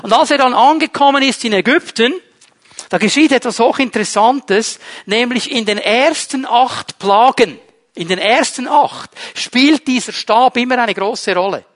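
A man preaching a sermon, lively, asking the congregation rhetorical questions and moving between loud emphasis and hushed passages. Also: extremely high pitch, normal speed.

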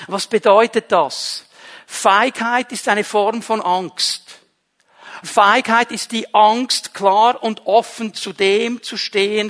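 A man's voice: high voice, a bit bright, big-room sound. A man with a Swiss German accent, preaching a sermon as pastor, emphatic and repeating key phrases. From Switzerland.

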